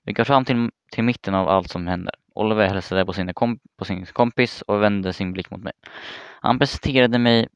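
A young man tells a personal story in a low, smooth voice. He talks casually and haltingly, often restarting his words. The recording is dry and a little muffled. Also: dry recording. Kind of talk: first-person story narration.

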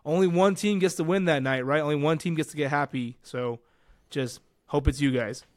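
A man's voice: a little high, moderate pace, dry recording, clean studio sound. A man co-hosting a sports podcast who teaches school by day, talking in joking, slangy banter. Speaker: podcast co-host. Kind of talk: casual sports podcast chat.

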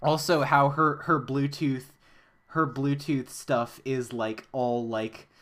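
A man's voice: mid-range voice, fairly even intonation, takes it slowly, a bit bright. A man co-hosting a casual podcast, rambling, swearing freely and laughing often. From United States. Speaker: podcast co-host. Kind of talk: casual chat.

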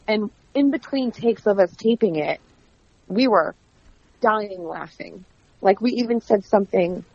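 A chatty woman guest with a husky, breathy voice tells stories in a lively, animated way, acting out bits of dialogue. Her voice sits at a middle pitch, and the recording sounds dull and lo-fi. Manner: chatty, animated storyteller who acts out quoted dialogue. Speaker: wrestling commentator and guest. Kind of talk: casual interview. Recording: dull lo-fi audio.

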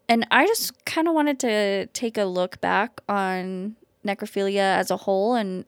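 A woman's voice: mid-range voice, no room sound. A woman hosting a true-crime podcast, talking casually with lots of fillers like "kind of" and "like". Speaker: podcast host. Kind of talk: casual chat.

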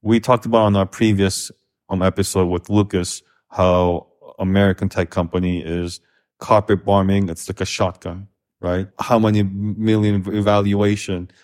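This Korean man co-hosts a casual, conversational podcast, talking frankly and loosely and often restarting his sentences. His voice is deep and slightly mellow, with a level tone and a moderate pace.

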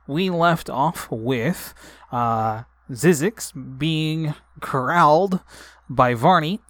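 A man narrates his solo tabletop adventure in a deliberate storytelling manner. His voice sits at a middle pitch and moves slowly, recorded dry and close. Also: a bit bright, no room sound.

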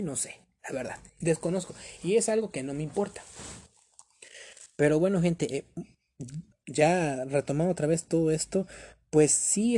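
Man, storytime vlogger, rambling, mellow, husky. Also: a little high. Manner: rambling, many fillers, emphatic. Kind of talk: storytime vlog.

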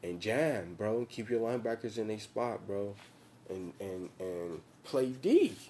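A young American man with a fairly low, mellow, soft-edged voice talks football tactics like a frat bro. His delivery is unhurried but lively in intonation, packed with slang and swearing, and he drives points home by repeating them. A faint hiss or hum runs underneath.

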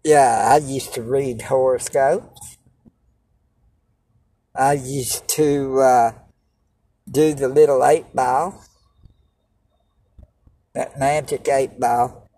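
A man's voice: mid-range voice, fairly even intonation, drawn-out words, long pauses, warm tone, breathy edge. A man preaching like a doomsday street preacher, exhorting in a folksy, plain-spoken way. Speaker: lay street-style preacher. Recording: distant mic with noticeable background noise.

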